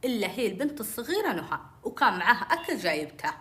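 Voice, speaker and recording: A woman telling a personal story, animated and acting out the dialogue. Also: medium pitch, rapid-fire.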